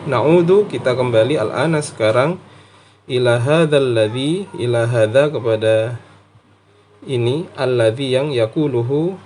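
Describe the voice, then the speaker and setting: An Indonesian-accented man teaching a text lesson, reading out Arabic and translating it piece by piece with deliberate, over-enunciated words. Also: medium pitch, a little mellow.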